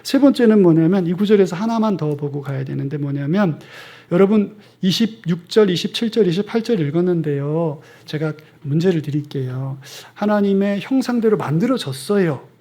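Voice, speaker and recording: A middle-aged man preaching in a church sanctuary, his voice sitting rather high for a man. He speaks conversationally, tossing questions to the congregation. At tender moments he sinks to a hushed near-whisper. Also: lively intonation, moderate pace. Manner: drops to soft near-whispers for tender lines. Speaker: pastor. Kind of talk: sermon.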